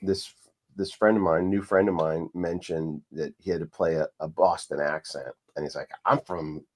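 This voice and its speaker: A man hosting a podcast, telling a story in a relaxed, conversational way with frequent restarts and fillers. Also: extremely low pitch, normal speed. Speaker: podcast host. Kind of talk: casual conversation.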